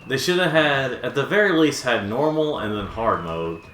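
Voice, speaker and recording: A man's voice: mid-range voice, lively intonation, normal speed, fairly bright tone. A man chatting casually while playing a game, rambling with lots of fillers and restarts. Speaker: gaming co-host. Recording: echoey room with faint noise.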